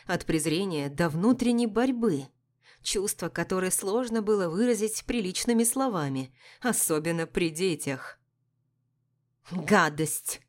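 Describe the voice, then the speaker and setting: A woman reading a novel aloud in the first person, in an even, measured way. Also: medium pitch. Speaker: audiobook narrator.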